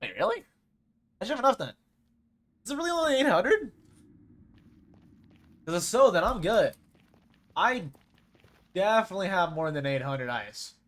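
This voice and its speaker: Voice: medium pitch, very animated, normal speed, long pauses, a bit bright. A streamer rambling and thinking aloud over live gameplay in casual chat.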